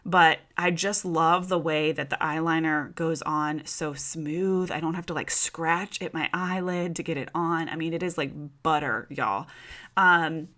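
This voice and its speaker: Woman, 30s, podcast host, casual chatty talk, bright forceful voice, slightly low pitch. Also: steady tone, measured pace. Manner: chatty and informal, addressing listeners as "you guys" and "y'all".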